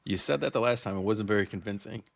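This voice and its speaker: A man's voice: lowish voice, fast talker, creaky, no room sound. A man co-hosting a podcast, teasing the others dryly in casual chat. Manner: dry, teasing, laughs often. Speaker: podcast co-host.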